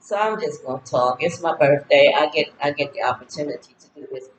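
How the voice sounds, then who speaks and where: A deep-voiced woman in her sixties talks a little fast as she rambles to camera about her goals, leaning heavily on fillers in a casual birthday vlog. She's at home in Ghana. The recording picks up slight background noise, a roomy echo and faint ambience.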